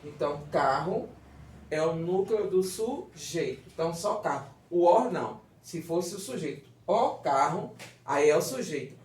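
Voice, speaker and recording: A man's voice: fairly high pitch, lively intonation, unhurried, a little mellow. A man with a Brazilian Portuguese accent teaching a grammar lesson, explaining step by step and often checking that the class follows. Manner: explanatory, checks understanding with "certo?" and "tá vendo?". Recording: echoey room, distant mic.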